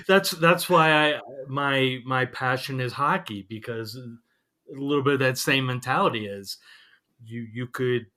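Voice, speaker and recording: A man's voice: medium pitch, pushed and bright. A man hosting a podcast interview, talking casually with frequent restarts and fillers. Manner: halting, many restarts and fillers. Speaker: podcast host.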